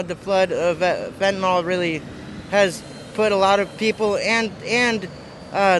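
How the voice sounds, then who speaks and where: Hesitant young man on a noisy street. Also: sits high. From Russia. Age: 20s. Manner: hesitant, lots of uhs and restarts. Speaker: passerby. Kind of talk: casual street interview. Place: city street outdoors. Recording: loud street and traffic noise.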